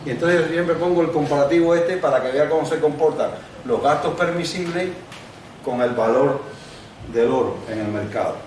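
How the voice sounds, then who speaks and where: A man's voice: fairly high pitch, moderate pace. An older man born in Cuba, giving a conversational university lecture with examples and asides, speaking without a microphone. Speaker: guest lecturer. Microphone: no microphone, distant recording. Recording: very echoey room, distant mic, faint noise.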